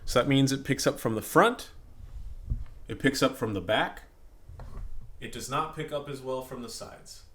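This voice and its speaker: A man's voice: medium pitch, normal speed, pauses often, fairly bright tone. Chatty, blunt male tech reviewer. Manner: candid, chatty, blunt opinions. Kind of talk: casual product review. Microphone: desktop USB condenser microphone.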